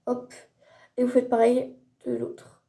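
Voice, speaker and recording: A teenage girl talks through her makeup routine in a relaxed, rambling way, full of fillers and restarts. Her voice sits a little high but sounds mellow and soft. The room around her is echoey. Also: slow pace. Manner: chatty, hesitant, many fillers and self-corrections. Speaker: beauty vlogger. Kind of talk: casual makeup tutorial.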